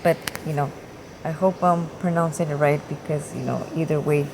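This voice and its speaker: A woman vlogger talking casually and hesitantly, with many pauses, fillers and restarts. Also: low voice, steady tone, creaky. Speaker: gaming vlogger. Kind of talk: casual talk to camera. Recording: noisy room with air conditioning hum.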